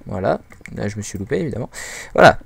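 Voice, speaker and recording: A man giving a casual, hesitant game walkthrough commentary as the host of his own channel, filling pauses with frequent fillers. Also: on the low side, sing-song, vocal fry, no room sound. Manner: hesitant, full of "euh" fillers; chatty and informal. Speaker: gaming video host.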